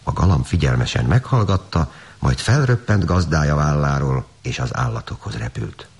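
A male storyteller with a very low, husky voice reads a farmyard fairy tale. His delivery swings widely in pitch, animated and expressive throughout.

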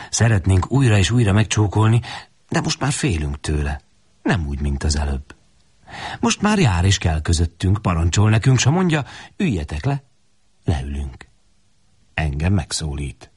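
A man narrating a story in Hungarian... as a dramatic audiobook reading, expressive and dropping to hushed tones in intimate passages. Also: low-pitched, breathy edge.

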